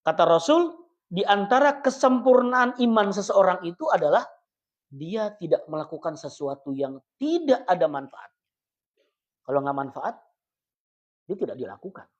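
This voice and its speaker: A man teaching a mosque study circle in a chatty, joking sermon style, swinging between loud and soft. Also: animated, normal speed, pauses often, highs cut off. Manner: jokey, chatty, often laughs; wide swings in pitch and loudness. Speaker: religious teacher. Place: small prayer hall.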